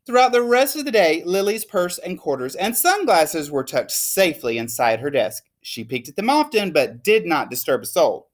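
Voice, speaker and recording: A woman reading a children's storybook aloud in an expressive, emphatic way. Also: lowish voice, normal speed, few pauses. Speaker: teacher reading a picture book aloud. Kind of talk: animated storybook read-aloud.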